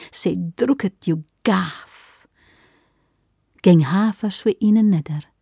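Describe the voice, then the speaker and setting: A woman with a Shetland accent reciting poetry in dialect in a measured, deliberate way. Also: on the low side, warm tone, dry recording, clean studio sound. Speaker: poetry reader.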